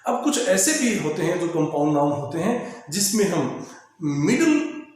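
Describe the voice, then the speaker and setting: Teacher spelling out words in an echoey room. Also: male voice, high voice, sing-song, a little mellow. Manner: explains slowly, repeating and spelling out words letter by letter. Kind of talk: English grammar lesson. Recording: very echoey room with faint ambient noise.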